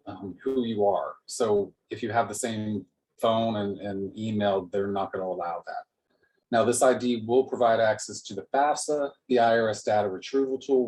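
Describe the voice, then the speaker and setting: Male presenter, lower voice, steady explanatory delivery over a video call, some ums. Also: poor audio. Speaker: financial aid presenter. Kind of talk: informational presentation.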